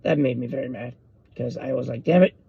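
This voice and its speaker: Gravelly, excitable podcast host. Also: male voice, mid-range voice, fairly quick, dry recording. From US West Coast. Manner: rambling, excitable, jumps between topics. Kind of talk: casual solo podcast monologue. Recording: dull lo-fi dry recording.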